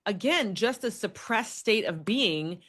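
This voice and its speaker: A young adult woman chatting casually on a podcast, lively and expressive, often acting out what she says to others and restarting her sentences. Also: medium pitch, a little slow. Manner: animated, acts out quoted speech, frequent restarts. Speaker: podcast guest.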